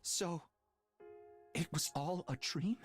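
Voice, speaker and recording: A woman's voice: on the low side, slow pace, soft background music. A woman playing an earnest, hesitant and weary teenage boy hero in an anime-style game. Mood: confused, dazed.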